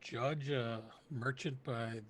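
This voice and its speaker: A man describing his character's actions in a tabletop role-playing game, tentative and halting as he improvises. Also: medium pitch, fairly even intonation, fairly bright tone, slight background noise.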